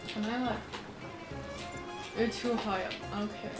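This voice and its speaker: A woman game streamer casually commentates her livestreamed play, talking to herself and letting out loud exclamations. Her voice is on the high side and fairly even in intonation, with an unhurried pace. Game music plays in the background of an echoey room.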